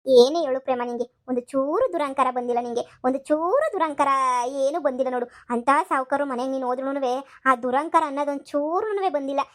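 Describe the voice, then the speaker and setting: A woman voicing a flattering village coworker in a cartoon. Her voice is high and brisk, and she keeps heaping on praise. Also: natural voice. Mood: admiring. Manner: flattering, chatty.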